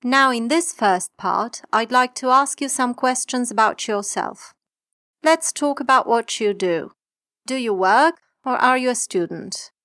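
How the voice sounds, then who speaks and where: A woman asks an exam candidate scripted questions in a polite, formal way. Her voice is fairly high. The recording is dry, with almost no room sound. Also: unhurried, pushed and bright, no echo. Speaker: examiner.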